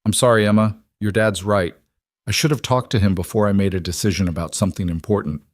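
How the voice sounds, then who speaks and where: A man reading the part of a woman executive, softly and apologetically. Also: fairly low pitch, steady tone, fast, no echo, studio quality, natural voice. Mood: apologetic. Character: remorseful woman executive, adult.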